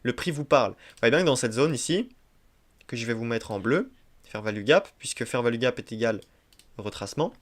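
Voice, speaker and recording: A man walks viewers through a screen-share trading tutorial in a mid-pitched voice. He is emphatic and repetitive, checks in with the listener again and again, and drops little verbal tics as he marks up his charts. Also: lively intonation, brisk. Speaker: trading instructor.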